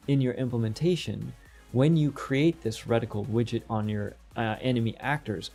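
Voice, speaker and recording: A man's voice: mid-range voice, vocal fry, darkish tone. A middle-aged man teaching game development in a casual, rambling way, often stopping and restarting his sentences. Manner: rambling, quick, self-interrupting. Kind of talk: casual screen-recorded tutorial.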